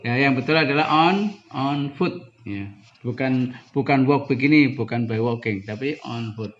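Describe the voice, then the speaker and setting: A man's voice: medium pitch, dull audio. A man teaching English pronunciation to a class, explaining patiently and chuckling now and then. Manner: explains slowly, often drifting into chuckles, switching between two languages. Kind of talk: classroom lesson.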